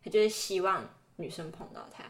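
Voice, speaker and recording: On the low side and fairly quick, this young woman's voice carries a Taiwanese Mandarin accent over soft background music. As a podcast co-host in casual chat, she relates personal anecdotes vividly, playing out lines and inner thoughts.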